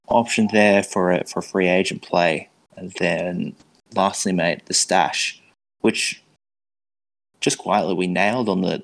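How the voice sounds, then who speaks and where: Low-voiced man. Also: vocal fry, low-quality recording. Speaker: podcast co-host. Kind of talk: casual sports fantasy chat.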